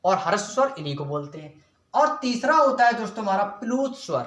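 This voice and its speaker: A young man teaching an exam-prep lesson in a high voice. He puts each question to the class and answers it himself, with "friends" in almost every sentence. The room around him is echoey. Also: big pitch swings, fairly quick, a bit bright.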